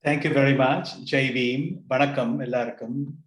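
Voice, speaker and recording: A man's voice: medium pitch, steady tone, moderate pace, echoey room, rough recording. A man who grew up in Sri Lanka, giving an earnest, hesitant panel talk over a video call. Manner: earnest, hesitant with many fillers. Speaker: panel speaker.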